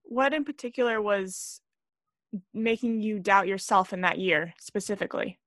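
Host, bright, forceful voice, laid-back questions, dry close sound. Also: mid-range voice, no room sound. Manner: laid-back, laughs often, quick follow-up questions. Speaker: podcast host. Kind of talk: casual interview chat.

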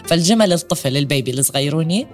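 A woman's voice: low-pitched, lively intonation, very fast, a little mellow, faint music behind. A woman hosting a motivational podcast, chatty and putting direct questions to listeners. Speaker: podcast host. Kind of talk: motivational storytelling.

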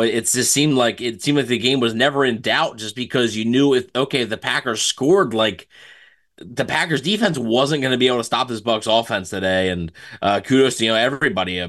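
A man co-hosting a sports podcast, giving casual post-game analysis in a halting, conversational way. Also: medium pitch, a bit bright.

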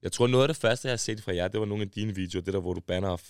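A man's voice: fairly low pitch, noisy background. A man from Denmark, a podcast guest, talking in slangy casual chat that he tags with "bro" and "ikke?".

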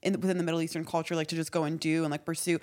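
A woman's voice: low-pitched, level tone, rapid-fire, darkish tone. A woman hosting a casual interview, playful and swearing freely. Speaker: host.

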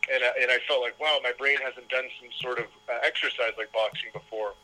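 A man, a documentary filmmaker, telling his story in an interview with quick, stumbling restarts. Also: mid-range voice, fairly even intonation, sharp tone, rough recording. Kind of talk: casual interview talk.

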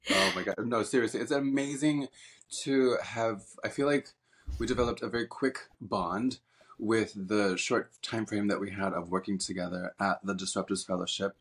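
Male podcast host, husky voice, effusive and filler-heavy. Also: on the low side, steady tone, moderate pace. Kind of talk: podcast interview.

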